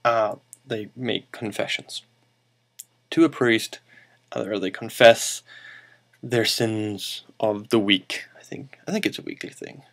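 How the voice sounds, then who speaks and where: A man's voice: fairly low pitch, takes it slowly, fairly bright tone. A man hosting a show and telling an improvised comic story, rambling, correcting himself and making playful asides.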